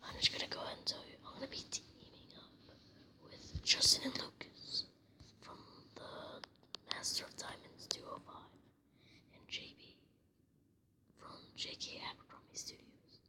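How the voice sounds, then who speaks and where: A woman whispering casual game commentary from bed, with excitable outbursts. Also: moderate pace. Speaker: gameplay commentator. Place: in bed at home at night.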